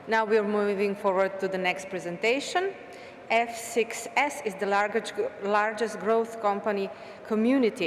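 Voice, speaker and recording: A woman's voice: mid-range voice, slight background noise. Woman moderator reading introductions, roomy hall echo, faint background ambience. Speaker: panel moderator.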